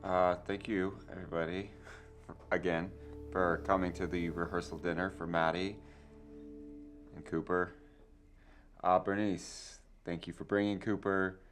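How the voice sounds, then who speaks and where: A man plays a father giving a dinner toast in a comedy film. He speaks haltingly and formally, in a very low voice. Faint music sits behind him. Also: little pitch movement.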